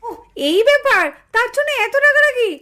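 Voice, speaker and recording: A woman voicing a calm neighbor mother in a doll show, reasoning with and gently chiding a quarreling woman. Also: extremely high pitch, brisk.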